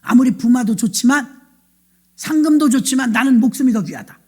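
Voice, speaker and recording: A woman pastor voicing a fearful soldier who hushes a boy with low warnings. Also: lively intonation, fairly quick, slightly rough. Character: timid soldier, hushing and fearful.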